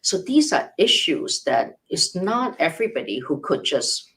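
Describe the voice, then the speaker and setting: A woman's voice: lowish voice, sing-song, a little slow, fairly bright tone, poor audio. Older woman, immigration lawyer, live q&a, numbered points, worked examples, restarts mid-sentence. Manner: frequent restarts and self-corrections. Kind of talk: live question-and-answer explanation.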